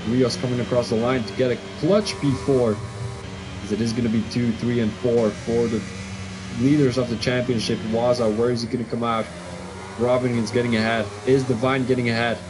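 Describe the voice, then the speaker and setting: Over music, in a low-quality recording, a Dutch-speaking man from Belgium with a mid-range voice covers a sim race live. His Belgian accent comes through as he gets excited and keeps second-guessing his calls.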